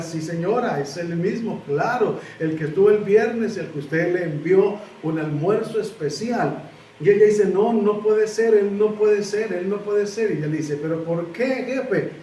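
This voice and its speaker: A man preaching, telling a story slowly and earnestly and acting out its dialogue. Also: high voice, a little mellow, echoey room, recorded from a distance, slight background noise, low-quality recording. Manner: slow, earnest retelling with acted-out dialogue. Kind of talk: sermon storytelling.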